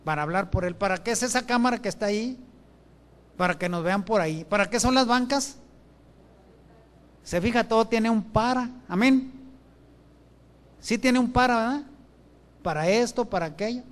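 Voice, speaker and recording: A man's voice: high voice, normal speed, long pauses. A man preaching a sermon. He reads scripture aloud and keeps asking and answering his own questions. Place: church with benches. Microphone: handheld or stand microphone.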